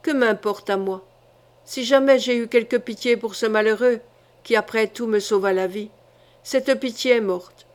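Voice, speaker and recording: A woman reading an audiobook voices a ruthless medieval queen, speaking coldly and evenly in a fairly high voice. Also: moderate pace, close to an everyday voice. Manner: cold and even.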